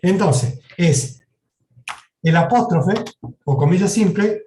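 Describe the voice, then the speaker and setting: A man's voice: sits high, expressive, slow, dark tone, slight background noise. A man teaching a university programming class, explaining step by step and often checking in with the students. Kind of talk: live lecture with software demo. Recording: echoey classroom recording.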